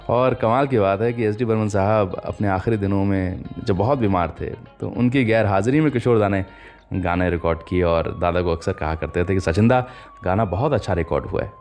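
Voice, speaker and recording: With music running underneath, a man hosting a radio show recounts anecdotes and performs the quoted dialogue. He speaks at normal speed in a fairly low, slightly mellow voice.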